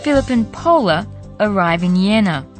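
A woman's voice: medium pitch, animated, normal speed, over loud music. A woman presenting a scripted radio language course in an instructional way. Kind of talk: scripted lesson narration.

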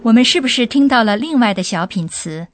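A woman's voice: a little high, animated, brisk. A woman hosting a radio language lesson, putting listeners' questions to a professor. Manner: asks the expert leading questions.

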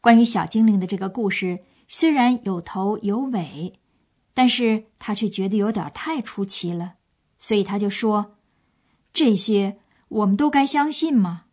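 A woman's voice: mid-range voice, a little slow, a little mellow. A woman presenting a language course with scripted, explanatory storytelling narration.

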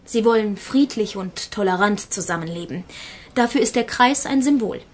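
A woman's voice: mid-range voice, animated, moderate pace, close to an everyday voice. A woman playing an earnest, courteous project spokeswoman in a scripted interview for a language course. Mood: earnest, informative.

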